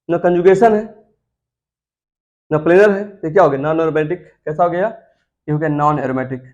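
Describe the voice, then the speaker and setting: A man's voice: fairly high pitch, darkish tone. A man teaching chemistry in a classroom lecture. He coaxes his students, repeats key terms and keeps asking them questions.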